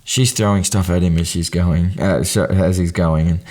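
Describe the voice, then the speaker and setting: A man with a fairly low voice talks casually about a film as the host of his own podcast. He rambles, circles back with ums and restarts, then lifts into quick bursts of amused emphasis. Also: fairly even intonation, darkish tone.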